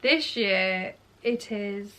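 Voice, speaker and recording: A woman's voice: mid-range voice, extremely slow, bright, forceful tone. A woman of thirty chatting casually to camera in a Q&A vlog, rambling and correcting herself as she goes. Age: 30s. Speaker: beauty and lifestyle vlogger.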